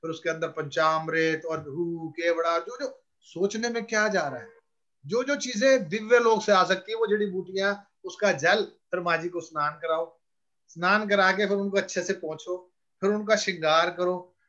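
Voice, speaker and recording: High bright-voiced man telling stories. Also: dull audio. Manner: anecdotal, acts out dialogue, explains rituals slowly. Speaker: spiritual guru giving counsel. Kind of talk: storytelling spiritual talk.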